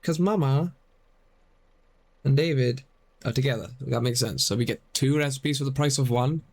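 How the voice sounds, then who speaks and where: A man's voice: mid-range voice, moderate pace, darkish tone. A man streaming a driving game, thinking aloud in rambling, self-conscious commentary. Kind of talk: casual gameplay commentary.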